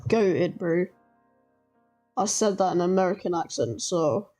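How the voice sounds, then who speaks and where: A woman hosting a reaction video, talking in a slangy, halting way as she thinks aloud and gives ratings. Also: lowish voice, lively intonation, mellow, soft background music. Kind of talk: casual reaction commentary.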